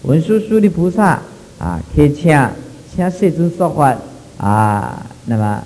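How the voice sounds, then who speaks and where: Taiwanese-accented male sutra lecturer, animated and mellow, drawn-out fillers, echoing hall. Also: a little high. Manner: drawn-out phrasing, frequent 啊 fillers, mixing in Hokkien. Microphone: microphone.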